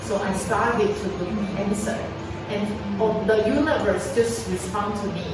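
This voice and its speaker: A woman's voice: mid-range voice, steady tone, measured pace. A woman in her forties from Taiwan, whose first language is Mandarin, giving a chatty personal testimony talk at a sharing event, repeating words and laughing often. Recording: echoey room from far off, noisy.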